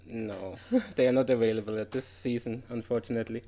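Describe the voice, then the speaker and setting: A man's voice: mid-range voice, steady tone, fairly quick, warm tone. Man giving a chatty talk. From Germany. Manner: chatty, with frequent "uh" fillers and light laughs. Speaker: game developer giving a presentation. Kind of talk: informal conference talk.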